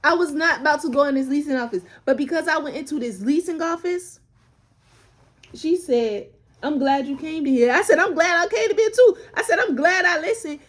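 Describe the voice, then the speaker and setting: A woman vlogger tells her personal faith testimony casually and emotionally, close to tears and repeating phrases for emphasis. Her high-sitting voice is expressive and moves at normal speed.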